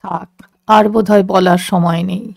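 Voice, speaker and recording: A woman voicing a gentle man from a long-lost love, speaking softly and intimately. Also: medium pitch, steady tone, unhurried, creaky, dry recording, clean studio sound, voice pushed down. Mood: tender.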